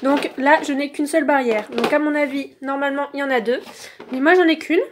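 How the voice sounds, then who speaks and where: Holding her phone in one hand, a woman reviews toys as she unboxes them, speaking a little fast in a high-pitched, steady tone. Her casual commentary is peppered with "donc" and "euh," and the background is noisy.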